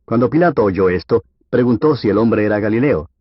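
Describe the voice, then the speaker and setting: A man reading scripture aloud for an audiobook in a steady, measured way. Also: fairly low pitch, slightly rough, no echo. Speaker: Bible reader. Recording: dull, lo-fi dry recording.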